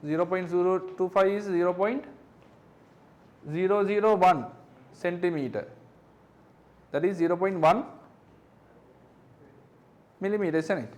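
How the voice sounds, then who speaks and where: A physics tutor with a high, light voice goes over exam questions out loud. He works through each figure step by step. He keeps checking that his class follows with quick tag questions. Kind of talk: exam question review lesson.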